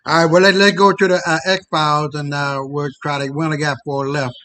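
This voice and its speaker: A man's voice: a little high, little pitch movement, brisk, bright, forceful tone, rough recording. A man hosting a podcast in casual chat, blunt and profane, often stumbling over repeated words. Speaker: podcast host.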